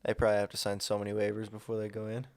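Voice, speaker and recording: A man's voice: fairly low pitch, monotone, racing, darkish tone, dry recording, studio quality. A man co-hosting a podcast, chatting casually about a book, often laughing and tossing in joking asides. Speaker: podcast co-host. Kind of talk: casual book discussion chat.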